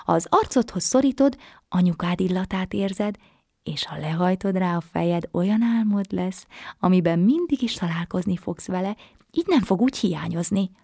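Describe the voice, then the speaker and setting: A woman's voice: lowish voice, lively intonation, gravelly, husky, dry recording, clean studio sound, heavily acted. A woman doing a cheerful little storybook fairy. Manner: bright, encouraging, eager. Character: small cheerful helpful kindergarten fairy with butterfly wings. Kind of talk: bedtime story reading.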